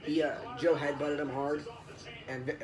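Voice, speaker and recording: A man co-hosting a casual wrestling reaction chat, excitable and rambling. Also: moderate pace, a crowd in the background, poor audio. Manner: excitable, rambling, jumps pitch when surprised.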